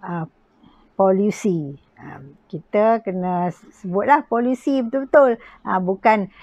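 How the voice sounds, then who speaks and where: Slow, halting Malaysian woman giving a lesson. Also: mid-range voice, expressive, creaky, darkish tone, no echo, muffled recording. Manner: halting, with frequent pauses and checking tags. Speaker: poetry recitation instructor. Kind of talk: informal spoken lecture with examples.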